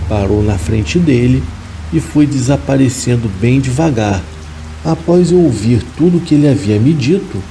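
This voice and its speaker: A man reading a horror story aloud in a calm, measured scripted narration. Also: mid-range voice, creaky, poor audio.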